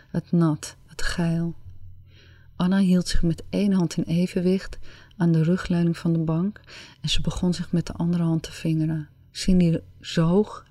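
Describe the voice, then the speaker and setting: A woman reads an erotic story in a slow, sensual manner, lingering on words. Her voice sits low and sounds warm and mellow. The recording is close and dry, with no room sound. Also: no echo. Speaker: narrator.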